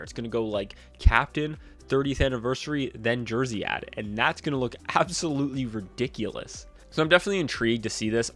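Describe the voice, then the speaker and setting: A young man in his twenties with a mid-range, slightly bright voice chats opinionatedly about hockey jerseys in casual vlog commentary. He's a bit stuffed up from a cold and talks into a boom-arm desk mic in a small room.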